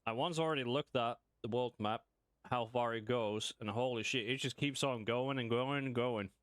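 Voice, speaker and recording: A man's voice: mid-range voice, normal speed, fairly bright tone, smooth, dry recording, studio quality. A man chatting casually to himself as he plays a video game on stream, with mumbled asides. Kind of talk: casual gameplay commentary.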